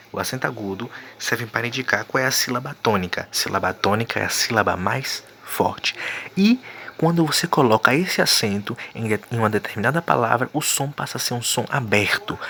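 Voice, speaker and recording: A man's voice: medium pitch, gravelly, pushed and bright, slight background noise. A man teaching a recorded video lesson, explaining patiently and checking in often with his students. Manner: explanatory, repeats points with frequent "tá certo?".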